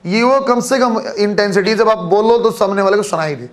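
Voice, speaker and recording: High-voiced male physics teacher lecturing. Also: moderate pace. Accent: Haryanvi Hindi. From Haryana, India. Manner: addresses students as kids, frequent check-ins. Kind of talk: classroom lecture.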